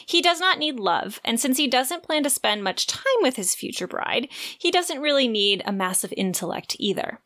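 Here a female podcast co-host talks about a book, partly chatting and partly reading a synopsis from notes. She speaks at a moderate pace with few pauses, in a fairly high, slightly bright voice full of big pitch swings.

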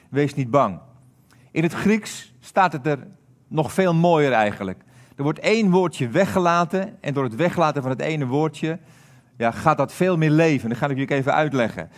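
A man giving a sermon as a pastor, talking earnestly with frequent hesitations and fillers. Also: fairly high pitch.

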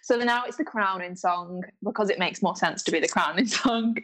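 A woman's voice: mid-range voice, normal speed, a bit bright. A woman co-hosting a podcast over a video call, chatting casually and giggling as she talks. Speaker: podcast co-host. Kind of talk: casual chat.

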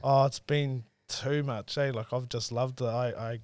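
A man's voice: medium pitch, fairly even intonation, a little slow, a little mellow. A man in his twenties from South Auckland with a Māori New Zealand English accent, chatting in a laid-back, earnest way as an interview guest. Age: 20s. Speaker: podcast guest, entrepreneur. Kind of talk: casual interview chat.

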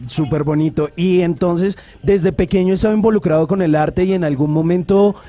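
A man's voice: sits high, normal speed, dark tone. A man hosting a call-in radio show, upbeat and chatty. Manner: upbeat, chatty, asks questions. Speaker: radio host. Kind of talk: casual radio chat.

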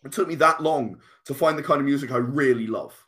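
Speaking briskly in a bright-ish mid-range voice, this late-thirties podcast guest, who makes comics and games, talks through a casual conversational interview. He comes across earnest and emphatic, leaning on repeated phrases for emphasis.

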